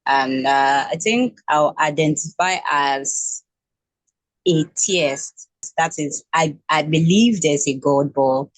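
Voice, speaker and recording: Interview guest: Nigerian woman in her twenties, low pitch, halting delivery, dry recording. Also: dry recording. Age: 20s. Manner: hesitant, with many restarts and fillers. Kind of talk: casual interview.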